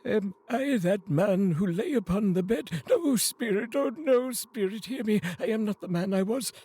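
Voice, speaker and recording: A man voicing Scrooge as a terrified old miser, pleading desperately in an audiobook reading, with a husky voice. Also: sits high, lively intonation, moderate pace, mellow, no room sound, pitched above the performer's own voice.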